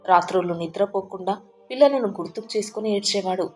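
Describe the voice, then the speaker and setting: A woman tells a sad family story in a measured, heartfelt way. Her voice sits at an ordinary middle pitch for a woman. Soft music plays faintly under her narration. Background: soft background music.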